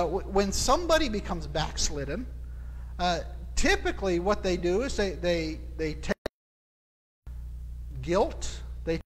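A man preaching a sermon as pastor, halting and restarting often, repeating his words, into a clip-on mic. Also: high-pitched, big-room sound, rough recording. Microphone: clip-on microphone.

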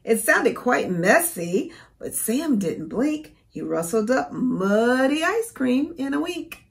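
A woman in her forties reading a storybook aloud to young children as a teacher, expressive and careful. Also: sits high, slow, gravelly. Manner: expressive, careful, asks the listener questions.

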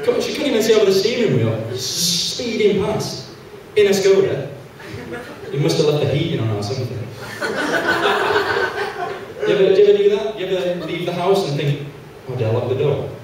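A young man doing an animated stand-up routine on a small theatre stage, acting out the people he quotes. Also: high-pitched, brisk, background noise. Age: young adult. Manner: animated, acts out quoted characters. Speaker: stand-up comedian. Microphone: handheld mic, far camera. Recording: echoey hall, from far off.

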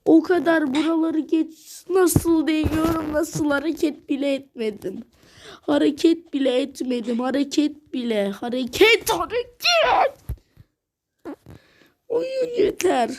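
A woman records casual commentary over her own gameplay. Her voice sits high and her delivery is slow and drawn out. She sounds worn down and exasperated, and she keeps repeating the same words. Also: a little mellow, slight background noise. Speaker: gaming vlogger.

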